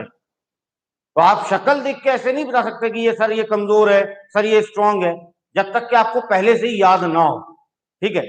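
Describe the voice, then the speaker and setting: A high-pitched male teacher walks students through a chemistry lesson one step at a time, pausing to check in with "ठीक है." He explains patiently, though the audio is poor.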